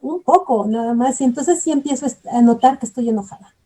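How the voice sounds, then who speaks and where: Woman telling her story, very mellow dark voice a bit high, earnest, circles back on her words. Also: brisk, poor audio. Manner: earnest, reflective, repeats herself while searching for words. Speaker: bereaved mother giving testimony. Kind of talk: personal testimony.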